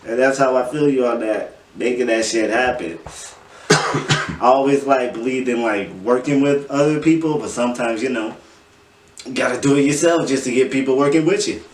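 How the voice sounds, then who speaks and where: A man's voice: medium pitch, normal speed, a little hiss or hum. A young man hosting a casual chat, telling stories in slangy, profane stoner talk. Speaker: host of a smoking chat show. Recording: echoey room, distant mic.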